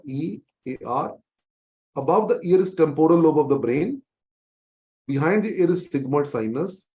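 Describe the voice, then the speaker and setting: A man's voice: a little high, warm tone, highs cut off. A man with an Indian accent teaching a medical revision class, emphatically repeating key facts. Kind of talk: exam revision lecture.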